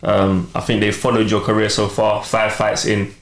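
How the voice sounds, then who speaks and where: A man's voice: on the low side, monotone, moderate pace. Rambling man, echoey room. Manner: rambling, earnest, slangy. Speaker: podcast co-host. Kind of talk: casual podcast chat. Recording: roomy room sound.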